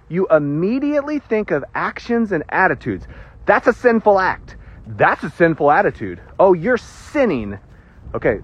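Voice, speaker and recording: Male preacher, high and lively, husky, casual teaching tone with jokes, dull lo-fi recording. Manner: animated, joking asides, emphatic pauses. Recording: dull lo-fi sound.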